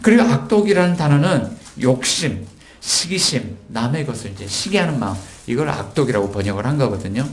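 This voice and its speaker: Male pastor, sermon, lively storytelling, mid-pitched voice, echoey church room. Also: a little fast. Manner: storytelling, acting out quoted lines with sudden raised pitch. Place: church sanctuary.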